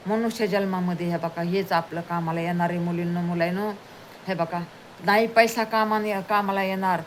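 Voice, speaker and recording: Woman, devotional storyteller, lowish voice, repetitive sermon delivery, faint background noise. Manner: repeats phrases, addresses listeners as children; devotional chanting of blessings.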